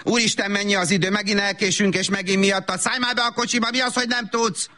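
A man's voice: flat delivery, sharp tone. A man playing a frazzled young mother. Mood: chatty. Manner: sing-song baby talk flipping to shrill scolding. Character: frazzled self-absorbed young mother scolding toddler. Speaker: comedian. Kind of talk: comedy sketch monologue.

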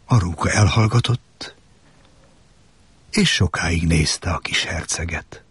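A man narrating a storybook in a calm, measured way. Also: sits low, breathy edge, dry recording. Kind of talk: storybook reading.

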